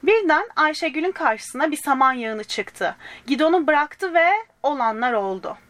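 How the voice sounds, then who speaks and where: A woman reading a children's storybook aloud in a gentle manner, speaking directly to young listeners and giving the characters small voices. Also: high voice, animated, normal speed, no room sound.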